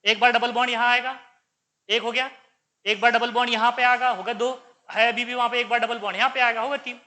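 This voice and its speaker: A man with a high, very bright and sharp voice lectures on chemistry. He keeps quizzing his students, asking each question twice and answering it himself. He slips English science terms into his explanations. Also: fairly even intonation, fast talker. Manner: quizzing students with repeated questions, calls them beta. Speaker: chemistry teacher. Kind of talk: exam paper discussion lecture.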